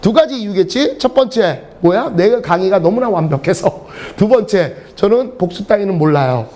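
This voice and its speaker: A man's voice: sits high, normal speed. A middle-aged man teaching English to a class, telling joking stories and laughing between sentences. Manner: animated, joking, often laughing mid-sentence. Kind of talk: lecture with humorous storytelling.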